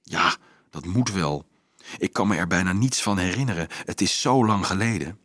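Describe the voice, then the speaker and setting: A man voicing an earnest, brave and modest boy in a read-aloud story, mostly hushed. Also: sits low, animated, normal speed, dry recording, clean studio sound. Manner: hushed in the night scene.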